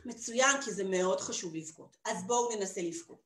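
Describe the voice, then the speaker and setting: A woman performing for children, singing and talking playfully and coaxing the kids to join in. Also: mid-range voice. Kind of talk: sung and spoken children's show. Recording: echoey room with soft guitar. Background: guitar.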